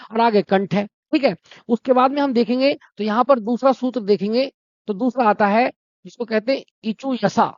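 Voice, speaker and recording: A man's voice: very high voice, no echo. A man teaching a Hindi exam-prep lesson, explaining step by step, asking his own questions and answering them, and calling his students brother and friends. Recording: dry, dull lo-fi sound.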